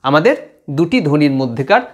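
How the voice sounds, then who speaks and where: A middle-aged man teaches phonetics in a high voice. He speaks patiently, repeating sounds aloud to demonstrate them, and his pitch rises and falls with lively emphasis. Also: brisk. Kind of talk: explaining Bengali phonetics to students.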